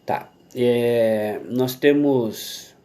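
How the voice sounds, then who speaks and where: Rambling Brazilian man, slow and halting. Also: mid-range voice, warm tone. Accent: Brazilian Portuguese. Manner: rambling and halting, with many restarts and tag questions. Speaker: vlogger. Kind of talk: casual monologue to camera.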